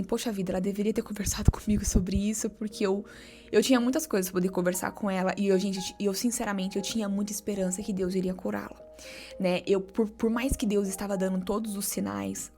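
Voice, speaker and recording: A young Brazilian woman telling an emotional personal story, soft-spoken and often dropping to a whisper. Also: mid-range voice. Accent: Brazilian Portuguese. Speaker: vlogger.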